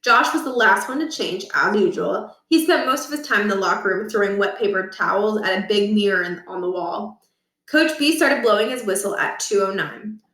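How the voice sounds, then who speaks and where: A woman with a mid-range voice reads a children's book aloud, telling the story expressively with deliberate emphasis. She sounds distant from the mic, and the room gives a noticeable echo.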